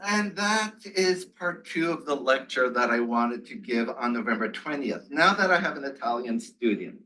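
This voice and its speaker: A man giving a classroom lecture, talking in halting bursts with many fillers and restarts. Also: fairly high pitch, pushed and bright, poor audio. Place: lecture room.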